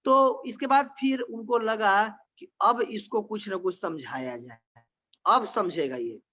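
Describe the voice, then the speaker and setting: High-voiced man telling a devotional story. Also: slow, sharp tone. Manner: conversational, filler phrases. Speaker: spiritual storyteller.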